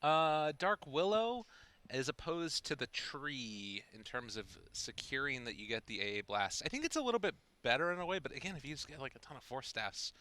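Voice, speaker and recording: A male esports co-caster with a lively voice that swings around in pitch, and a bright tone. He asks questions and talks over the draft casually. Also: moderate pace, dry recording. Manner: inquisitive, laughs easily. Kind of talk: casual draft analysis commentary.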